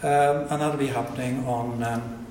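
An older native Welsh speaker from Wales, with a Welsh accent, delivers a reflective lecture at a society event, restarting frequently. He speaks unhurriedly in a medium-pitched, darkish voice with fairly even intonation. The lecture hall recording echoes and carries some hiss or hum.

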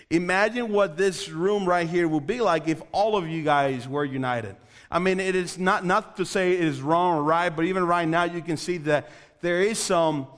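A man's voice: a little high, fairly bright tone. Earnest young man preaching in a hall. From Dominican Republic. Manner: earnest, repetitive emphasis, addresses the room directly. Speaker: youth pastor. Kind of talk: youth sermon.

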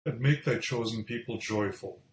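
A man reading scripture and giving liturgical responses with formal, deliberate delivery, recorded in an echoey space. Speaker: lesson reader giving responses. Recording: echoey room with rumbling background noise.

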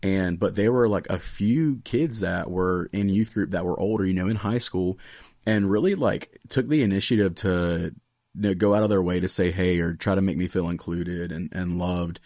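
An American man in his late twenties from the Raleigh area, a student pastor, hosts a podcast and chats casually and earnestly, with plenty of "like" and "you know". His low-pitched, darkish voice moves at a moderate pace. The recording is dry and studio quality.

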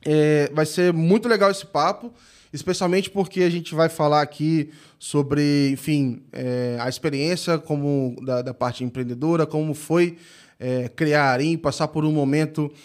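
A man with a somewhat high voice hosts a podcast. He talks in a casual, halting way, with lots of filler sounds and restarts as he introduces his guest and chats with her. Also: fairly even intonation, darkish tone. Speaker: podcast host. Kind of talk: casual interview chat.

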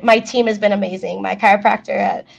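A young woman whose native language is Spanish chats as a guest in a casual interview, talking freely with many fillers and quick laughs. Her gravelly voice is medium in pitch with fairly even intonation.

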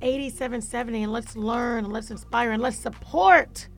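A woman in her early thirties hosts a radio talk show from the studio. Her voice is a touch high with a gravelly fry, and she asks long, looping questions. Faint music plays underneath. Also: steady tone, normal speed. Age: early 30s. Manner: probing, rambling questions with restarts.

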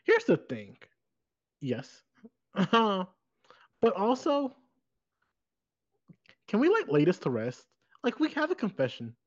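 A podcast co-host giving animated, giggly opinions in casual chat. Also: medium pitch, slow, long pauses. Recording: dull lo-fi podcast audio.

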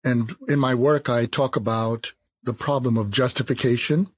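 A man in his fifties, from Jamaica, speaking as a philosopher in a thoughtful, measured interview. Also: mid-range voice, fairly even intonation, slightly rough, no echo. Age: 50s. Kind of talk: reflective interview talk.

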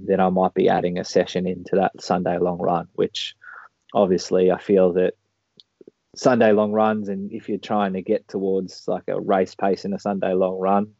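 A man's voice: low-pitched, gravelly, warm tone, no room sound. A man chatting casually as an interview guest, rambling along in a laid-back way. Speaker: podcast guest, marathon runner. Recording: dull lo-fi call audio.

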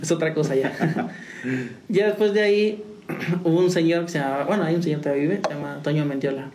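Talking fairly quickly in a fairly high voice, a young man who's a musician shares his story as a guest. It comes out rambling and casual, full of restarts and laughs, in a distant, roomy recording with faint noise.

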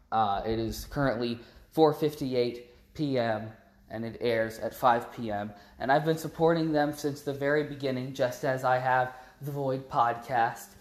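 Rambling man in a roomy voice message. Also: mid-range voice. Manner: rambling, chatty fan talk. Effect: played-back voice message. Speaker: listener leaving a voice message. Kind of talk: casual voice message.

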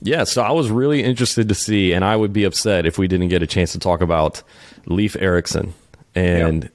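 A man hosting an interview, speaking haltingly with lots of restarts and fillers. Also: deep voice, no room sound. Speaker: podcast host. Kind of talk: interview, casual chat.

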